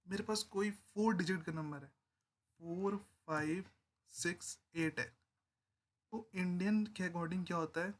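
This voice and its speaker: A man's voice: high voice, a bit bright. A man giving a casual, conversational Excel tutorial, explaining step by step and often checking in with the viewer. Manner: informal, conversational teaching. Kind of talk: spreadsheet tutorial narration.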